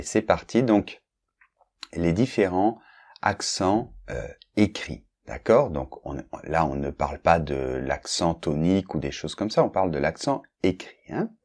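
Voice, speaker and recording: A man's voice: on the low side, a little mellow. A man teaching a recorded lesson, speaking to the learner informally and patiently spelling out example words one by one. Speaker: French teacher.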